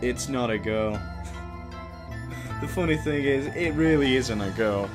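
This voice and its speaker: Game music plays behind this man's medium-pitched, slightly slow voice. He's a let's player chatting casually about the gameplay, reading the on-screen text, and cracking jokes laced with swearing.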